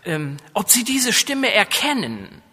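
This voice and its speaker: Pastor with a northern coastal accent, hall reverb. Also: male voice, sits high, huge pitch swings, slow pace, bright, forceful tone, husky. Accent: northern German coastal. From northern Germany. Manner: preaching with rising emphatic passages, asks the congregation questions. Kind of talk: sermon. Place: church. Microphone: microphone.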